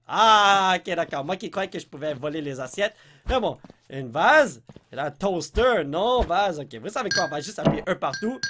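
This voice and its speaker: High, lively Québécois gamer man. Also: a little hiss or hum. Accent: Québécois French. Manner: excitable, blurts English exclamations, yelps when startled. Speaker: let's play host. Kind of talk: gameplay commentary.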